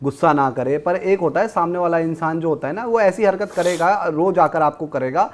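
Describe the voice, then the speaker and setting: A man's voice: a little high, normal speed. A man co-hosting a cricket talk show, speaking bluntly and heatedly in casual panel chat. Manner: heated, blunt, recites verse.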